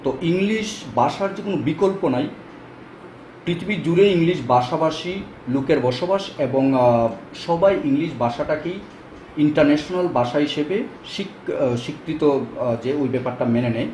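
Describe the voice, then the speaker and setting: A man's voice: on the high side, moderate pace, a little mellow. Male pronunciation tutor, casual lesson, fillers, echoey room with faint background hum. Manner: explains step by step with frequent fillers. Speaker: English pronunciation teacher.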